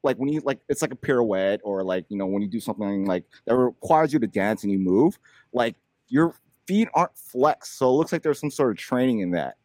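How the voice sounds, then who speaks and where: A male podcast host with a slight lisp, rambling chattily with lots of fillers. His pitch swings widely as he talks. The sound is dry and close. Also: expressive, fairly quick, a little mellow, no echo. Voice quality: slight lisp from dental aligners. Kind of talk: casual podcast chat.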